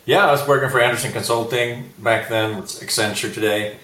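A man from Sweden, a guest entrepreneur, telling his story in a relaxed, reflective interview. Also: medium pitch, a little fast, reverberant, low-quality recording. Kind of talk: casual interview chat.

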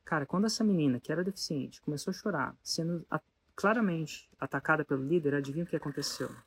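A speaker, telling a story casually to an audience in an animated way and asking the listeners rhetorical questions. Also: mid-range voice, quick pace, breathy edge.

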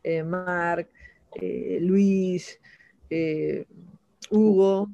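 A woman speaking as an interview guest in a relaxed, reflective chat. She keeps tacking little questioning tags onto her phrases and stumbles into restarts. The recording is close and dry, with no room sound. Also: on the low side, extremely slow, vocal fry, no room sound, lo-fi sound. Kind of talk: casual conversational interview.

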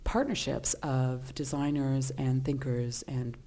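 Woman co-host, unusually deep voice, measured and thoughtful, dry teasing wit. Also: steady tone, warm tone. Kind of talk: casual chat.

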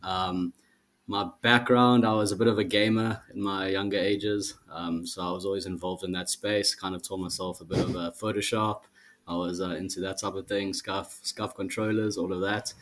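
Deep-voiced young man. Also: fairly even intonation, normal speed, a bit bright. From South Africa. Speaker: guest, project team member. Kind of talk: casual podcast interview.

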